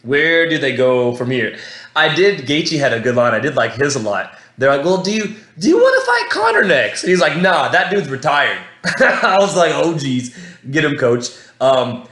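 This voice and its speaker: A fairly high-voiced man talks through a fight recap in a loose, rambling way, excitable and quick to swear. His sentences stop and restart as he chases his thoughts. The room around him is echoey. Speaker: podcast host. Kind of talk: casual fight recap monologue.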